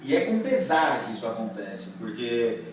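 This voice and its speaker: A male lawyer addressing viewers in a measured, formal way, recorded in an office. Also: mid-range voice, very animated, a little hiss or hum. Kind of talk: thanking viewers on camera. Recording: echoey room, mic far off.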